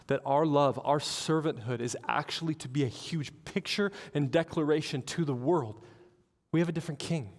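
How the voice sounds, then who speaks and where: A man preaching a sermon as pastor, animated, acting out the people in his stories. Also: on the high side, moderate pace, in a large hall. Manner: animated storytelling with acted-out quotes. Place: church hall.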